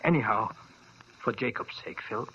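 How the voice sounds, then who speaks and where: A man with a lowish, sharp-toned voice speaks at a moderate pace, with slight background noise on a dull old radio recording. He's acting as an earnest, worried older doctor in the 1940s radio manner, hesitant and peppering his lines with uh's.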